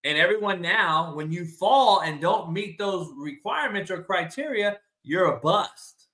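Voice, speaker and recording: A man hosting a casual sports debate, loud, opinionated and ribbing, blunt and profane, repeating his points for emphasis. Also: high voice, expressive, measured pace, low-quality recording. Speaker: sports talk show host.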